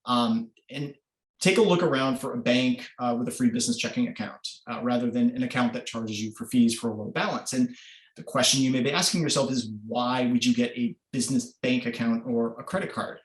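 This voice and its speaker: A man's voice: medium pitch, brisk. A man presenting an online workshop, explaining informally with many filler sounds over a video call. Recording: roomy echo.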